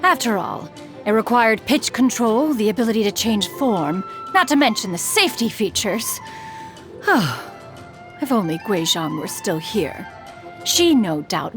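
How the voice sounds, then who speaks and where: A lofty immortal crane spirit. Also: female voice, a little high. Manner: formal, archaic speech, calls herself "one"; haughty yet teasing. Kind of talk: video game character voice lines.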